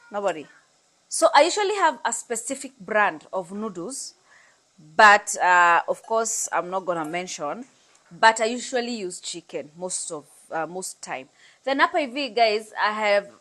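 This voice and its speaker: A woman in her thirties with a Kenyan accent runs a casual cooking demonstration indoors in her bright home kitchen, chatting freely and slipping Swahili phrases into her English. Her voice is mid-range and a bit bright, with slight background noise.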